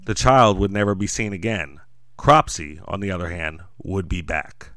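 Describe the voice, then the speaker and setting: A man's voice: sits low, expressive, normal speed, fairly bright tone, no room sound. A man narrating a scary story in a suspenseful, crime show manner, dramatic and scripted with dry humour. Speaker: podcast host and storyteller.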